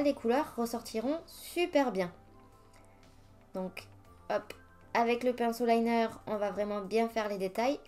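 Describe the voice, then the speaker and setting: A woman's voice: a little high, darkish tone. A woman talking through a nail art tutorial step by step, chatty and ready to laugh at her own slips. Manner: chatty, self-mocking, narrates each step. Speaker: nail artist. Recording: faint music behind the voice. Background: faint music.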